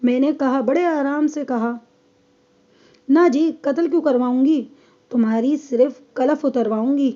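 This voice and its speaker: A woman's voice: high-pitched, warm tone, highs cut off, natural voice. A woman reading as a defiant young wife. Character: defiant young wife giving a police statement. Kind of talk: audiobook reading.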